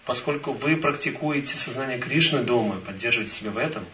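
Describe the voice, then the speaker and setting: Bright-voiced male interpreter in a hall. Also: medium pitch, slight background noise. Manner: quick, follows each phrase. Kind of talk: consecutive interpreting. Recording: echoey hall, distant mic.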